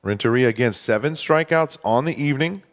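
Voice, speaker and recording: A male baseball announcer with a mid-range voice, calling each pitch in an even, conversational way. Between plays he explains the strategy, keeping a relaxed, steady flow. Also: fairly quick. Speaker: play-by-play announcer. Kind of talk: baseball commentary.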